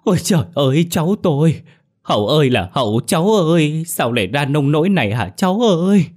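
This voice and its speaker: A man's voice: on the high side, very animated, a little fast, darkish tone, pitched above the performer's own voice. A man voicing a grieving elderly village grandmother who wails and sobs for her drowned grandson. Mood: wailing grief. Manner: wailing, sobbing cries.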